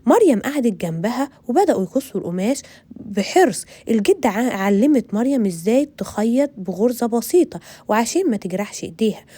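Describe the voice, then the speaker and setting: A woman's voice: fairly high pitch, sing-song, brisk, mellow, slightly rough, no echo. A woman with an Egyptian accent narrating a children's story in a friendly tone, speaking to young listeners. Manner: friendly, addresses children directly.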